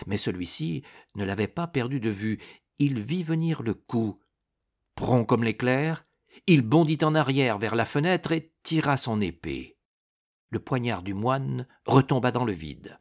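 A man narrating a swashbuckling novel in a dramatic, expressive storytelling style. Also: medium pitch, a little slow. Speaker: audiobook narrator. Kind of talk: scripted narration.

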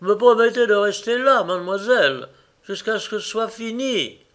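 A man's voice: sits high, lively intonation, normal speed, a bit bright, pitched above the performer's own voice. A man doing a defiant wounded Paris street lad. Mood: resigned.

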